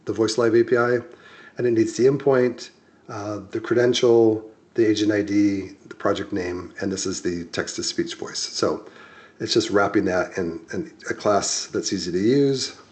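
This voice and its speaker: A low-voiced man leads a screen-share coding walkthrough. He explains at an easygoing pace, stopping for ums and restarting his sentences as he goes. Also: moderate pace. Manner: relaxed, many ums and restarts while explaining. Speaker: software tutorial instructor.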